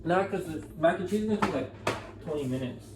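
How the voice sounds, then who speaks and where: A young man vlogging in his kitchen, talking casually into a camera mic in a flat, monotone way and swearing freely. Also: on the high side, fast, background noise. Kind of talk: casual chat. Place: home kitchen, indoors.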